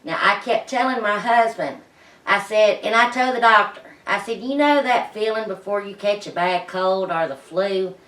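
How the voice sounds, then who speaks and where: A middle-aged woman chats casually and haltingly for a vlog, folksy, her voice muffled through a face mask and short of breath. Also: medium pitch, fairly bright tone. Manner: folksy, plain-spoken, halting. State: out of breath, pausing. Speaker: vlog host. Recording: roomy echo, distant microphone.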